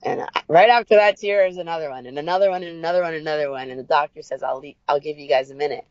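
A young adult woman as an interview guest, telling a personal story with upbeat energy and lively quoted voices. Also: very fast, dry recording, highs cut off. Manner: upbeat storyteller, acts out quotes with big pitch jumps.

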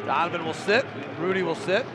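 Over a loud crowd, a man calls live play-by-play for a basketball broadcast, firing off short clipped calls and rising to shouts on big plays. His voice sits high and moves a little fast.

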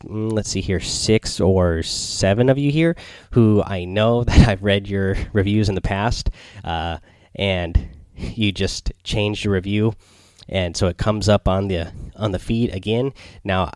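A man hosting a casual gaming podcast in a quiet, subdued late-night manner, rambling and hesitant as he goes. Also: fairly low pitch, no room sound. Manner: quiet, subdued late-night delivery, holding back so as not to wake others. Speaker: solo podcast host. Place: small home recording space near bedrooms.

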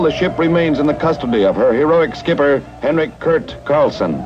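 A man declaims in the grand style of an old newsreel, his fairly high voice rising and falling dramatically. The sound is muffled and dated, and a clear music bed runs underneath him. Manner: booming, declamatory delivery. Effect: old newsreel recording. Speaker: newsreel narrator. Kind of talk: dramatic 1950s newsreel narration.

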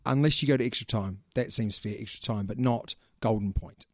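A man's voice: fairly low pitch, a little fast, dry recording, studio quality. A man with a New Zealand accent hosting a casual sports podcast, chatting in a slangy, teasing way. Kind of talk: casual chat.

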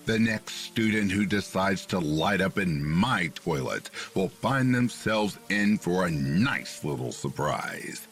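A man's voice: low voice, lively intonation, takes it slowly, hardly any pauses, a bit bright, faint music behind, heavily acted. A man voicing a stern, scolding female school headmistress in a horror story reading.

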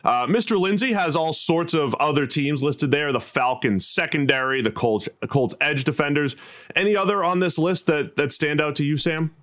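A man's voice: a little high, moderate pace, fairly bright tone. An American man hosting a sports podcast, talking through football analysis conversationally.

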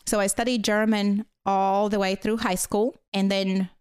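A woman's voice: medium pitch, little pitch movement, a little slow, darkish tone, clear, resonant tone, no echo, clean studio sound. A woman from Latvia with a Latvian accent, speaking English as a later language and chatting as a guest, rambling with many fillers. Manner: rambling with frequent fillers and apologetic laughs. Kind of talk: casual conversational storytelling.

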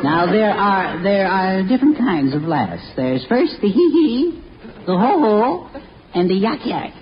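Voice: mid-range voice, big pitch swings, measured pace, crowd noise. An actor playing a bossy, sarcastic, cocky boy in an old radio comedy sketch. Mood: bossy, coaching. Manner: sarcastic, needling, insistent. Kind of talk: 1940s radio comedy acting. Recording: dull old radio broadcast, noisy audience.

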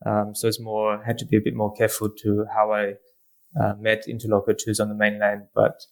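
A man's voice: fairly low pitch, completely flat delivery, brisk. An Australian man in his thirties, a lecturer answering interview questions as a guest, with many ums and uhs.

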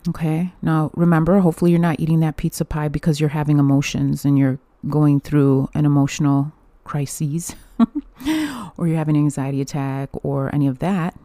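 Alone at the mic, this young podcast host chats candidly, cursing freely and laughing a lot in a casual monologue. She has a low, dark voice at a moderate pace, recorded dry.

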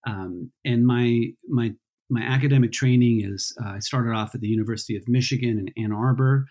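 A man from Peru, an author and historian, answering interview questions thoughtfully with frequent pauses and restarts. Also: mid-range voice, fairly even intonation, a little mellow. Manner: thoughtful, many ums and restarts.

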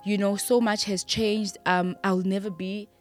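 A young woman, a podcast guest, speaking in a heartfelt, halting way about loss, with soft music underneath. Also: mid-range voice, flat delivery. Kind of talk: emotional interview.

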